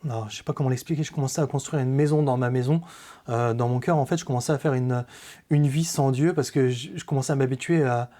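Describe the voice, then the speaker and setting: Male guest telling his own faith story; warm, low-lit tone, hesitant and sincere. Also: steady tone. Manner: halting, with many hesitations and restarts; earnest, confessional. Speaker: podcast guest giving a testimony. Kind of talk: personal faith testimony in conversation.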